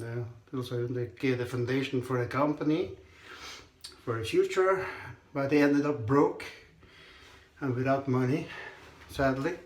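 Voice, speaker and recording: Slow, halting talk comes from a hoarse man with a medium-pitched voice, a vlogger chatting while shaving. He clears his throat a lot. It's recorded indoors in a small tiled bathroom by a counter-mounted camera at arm's length, leaving echo and faint noise.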